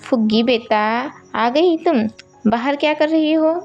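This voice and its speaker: A caring middle-aged dad read by a woman gently scolds in a raised voice. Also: high-pitched, a little slow, lo-fi sound, faint music behind, pitched above the performer's own voice. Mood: scolding.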